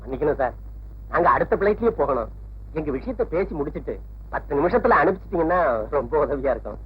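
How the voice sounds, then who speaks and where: A man's voice: fairly high pitch, expressive, fast talker, phone-quality sound. A man playing a businesslike manager who introduces visitors. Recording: thin, husky old film soundtrack.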